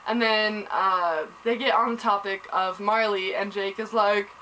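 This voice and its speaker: A young woman excitedly recapping a TV episode in casual chat, gushing and saying "like" and "oh my god" a lot. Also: mid-range voice, a little slow, slight background noise, poor audio.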